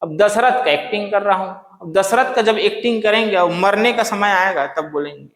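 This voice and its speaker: High-voiced male teacher in an echoey room. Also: moderate pace, fairly bright tone. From Chhattisgarh, India. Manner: repeats key terms, asks and answers own questions, stretches words to demonstrate. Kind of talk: classroom grammar lesson. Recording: echoey room with long reverb.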